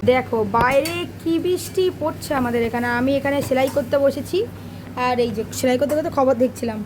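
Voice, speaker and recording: High fast-talking woman. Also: noisy background. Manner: scolding, chatty, addresses viewers directly. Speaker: vlogger. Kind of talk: casual home vlog talk to viewers. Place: home, indoors.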